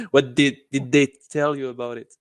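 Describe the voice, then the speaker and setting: A Moroccan man learning English chats casually in his Moroccan accent, speaking slowly in a medium pitch. He hesitates a little while hunting for words, and the recording has no echo.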